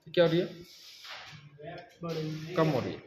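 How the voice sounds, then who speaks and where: A man's voice: fairly high pitch, big pitch swings, normal speed, music in the background. A man demonstrating car repair step by step in a workshop class, often checking in with his students. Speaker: auto mechanic instructor. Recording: echoey room with crowd noise.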